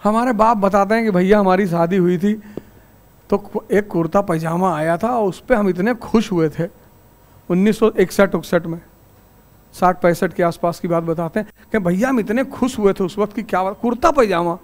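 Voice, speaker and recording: A male teacher, lecturing a class in a lively storytelling manner and turning stern about the class rules. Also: sits high, moderate pace.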